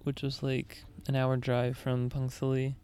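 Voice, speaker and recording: A man's voice: medium pitch, completely flat delivery, a little slow, a little mellow, smooth. A young man chatting casually about travels, easygoing and explanatory, with frequent fillers.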